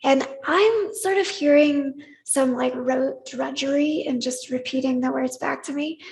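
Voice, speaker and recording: A woman leading a congregation in worship, gently inviting them to repeat words back to her. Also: high-pitched, measured pace, vocal fry, rough recording. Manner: gentle, inviting, leads call-and-response. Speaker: service leader. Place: church sanctuary.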